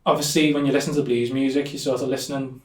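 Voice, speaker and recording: This young man from Liverpool, England is a fast talker who rambles with many fillers while chatting casually as a musician interview guest. His mid-range voice stays level. The recording has an echoey room and a somewhat distant mic.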